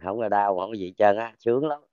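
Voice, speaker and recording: Southern Vietnamese man, smooth low voice. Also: quick pace, dry recording, lo-fi sound. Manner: keeps checking for pain, loud cheerful exclamations. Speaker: folk healer. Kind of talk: casual talk while treating a patient.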